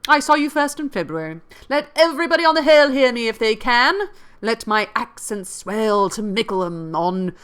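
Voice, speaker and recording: A teasing, gallant young gentleman from an old novel, voiced by a woman reading aloud. The lines come with a lively, swinging pitch and eager emphasis. The voice stays close to the reader's own middle register. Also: moderate pace.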